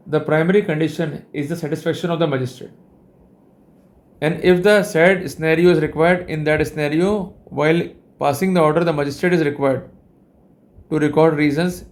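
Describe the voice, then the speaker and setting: Lecturing on law, a man with an Indian accent uses a somewhat high voice with a darkish tone. His delivery is deliberate and formal, leaning on recurring linking phrases as he works through each step.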